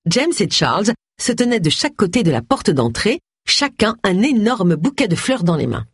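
An audiobook narrator reading a novel in an expressive, varied way. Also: mid-range voice, normal speed, breathy edge, dry recording, studio quality. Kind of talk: scripted narration.

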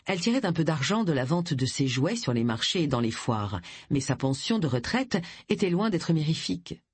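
An expressive audiobook narrator with a lively, wide-ranging intonation. The slightly husky voice is recorded close and dry, with no room sound. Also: mid-range voice, normal speed, no room sound. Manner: expressive storytelling. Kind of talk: scripted narration.

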